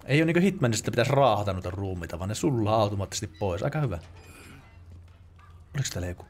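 Excitable, swearing gamer man. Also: lowish voice. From Finland. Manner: excitable, swears a lot, yelps and laughs at the game. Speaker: let's play gamer. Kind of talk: casual gameplay commentary.

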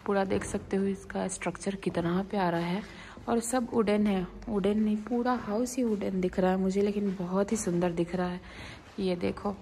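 A woman's voice: medium pitch, fairly even intonation, moderate pace, a little hiss or hum. A young woman from India, chatting casually as she shows places to her phone camera in a travel vlog. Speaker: vlogger. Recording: loud background music.

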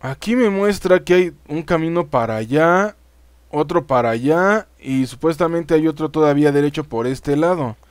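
A man's voice: fairly high pitch, animated, normal speed, dry recording. A man with a Mexican accent giving casual let's-play commentary, chatting straight to his viewers and swearing freely. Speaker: gaming YouTuber.

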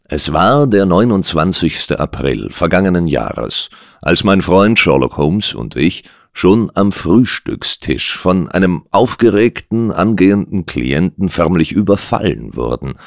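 A man reading an audiobook as a first-person narrator, telling the story in a measured, deliberate way. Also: sits low, big pitch swings, vocal fry, no echo, studio quality. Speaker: audiobook reader.

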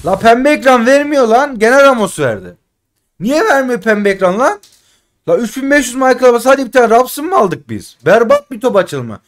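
A man doing casual live commentary while opening game packs, frustrated and pleading, swinging between loud outbursts and muttering. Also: very high-pitched, big pitch swings, normal speed. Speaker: gaming streamer.

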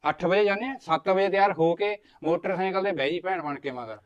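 A young man playing a protective, teasing brother who talks fast and eagerly. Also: high-pitched, muffled recording, a crowd in the background, natural voice. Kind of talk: Punjabi short film acting.

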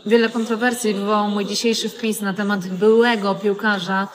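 A woman's voice: mid-range voice, flat delivery, normal speed. A woman in her thirties making an indignant, emphatic statement into a phone at arm's length in a restaurant. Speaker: social media commentator. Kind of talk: direct-to-camera statement. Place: indoors, restaurant.

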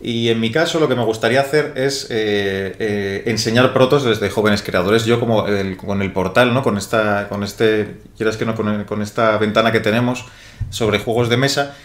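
Young male host, low-pitched, rambling casual live-stream chat, roomy echo. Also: fairly even intonation, moderate pace. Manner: rambling, self-correcting, chatty. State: sweating heavily. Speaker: host of board game channel. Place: small studio set with brick wall. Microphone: desk microphone.

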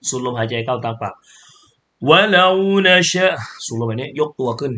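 A man teaching Quran reading, explaining each sound slowly and then chanting the syllables louder and higher. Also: flat delivery.

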